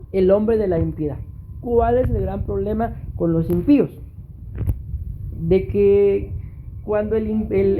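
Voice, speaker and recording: A man's voice: sits high, noisy background. A man with a Costa Rican accent, preaching a sermon as pastor and often calling out to his congregation. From Costa Rica. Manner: preaching, repeatedly addressing the congregation.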